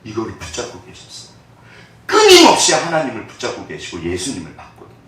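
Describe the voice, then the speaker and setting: A male pastor gives a conversational sermon in a church sanctuary, his pitch leaping and dropping all the time. The sound is very reverberant and he stands well back from the microphone. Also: fast. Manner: conversational preaching, swinging between hushed and animated. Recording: echoey church hall from far off.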